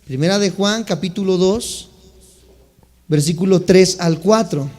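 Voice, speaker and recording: A man's voice: sits high, unhurried, a little mellow, big-room sound. A man preaching a sermon as a pastor, explaining Bible words and calling on the congregation to respond. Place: church sanctuary.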